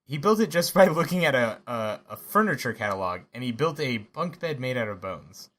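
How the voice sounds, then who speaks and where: A man's voice: mid-range voice, big pitch swings, fairly bright tone. Male podcast co-host, casual chat, stumbling and laughing as he talks. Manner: halting, with many restarts and laughs.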